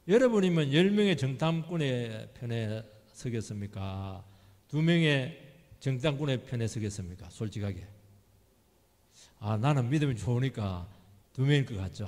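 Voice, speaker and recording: A man's voice: mid-range voice, darkish tone, slightly rough. A man preaching a midweek sermon as pastor, speaking emphatically and asking the congregation questions. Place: church sanctuary. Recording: long reverb of a church hall.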